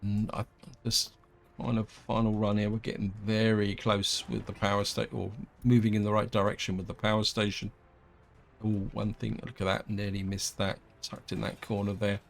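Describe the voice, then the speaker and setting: A man hosting a gameplay video, thinking aloud in a relaxed, rambling way with plenty of hedges. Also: lowish voice, normal speed, vocal fry. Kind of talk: casual let's-play commentary.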